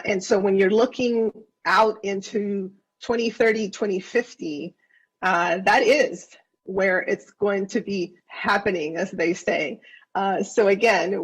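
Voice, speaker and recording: The highs are cut off in this clip of a husky, mid-range female voice. She is a county councilmember originally from Venezuela, speaking earnestly and effusively at a council session and restarting her phrases often, with repeated words each time.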